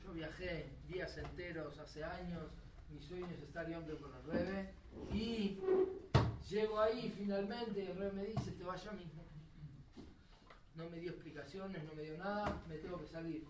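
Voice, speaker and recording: A man voicing a heartbroken man who tells his story softly and sorrowfully. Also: sits high, steady tone, a little slow. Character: heartbroken man sent away, tearful. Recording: roomy, distant and noisy.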